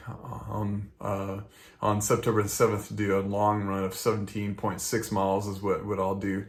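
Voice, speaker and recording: An American man talking casually to viewers as a running vlogger, halting and rambling as he goes. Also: lowish voice. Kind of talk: casual vlog talk to viewers.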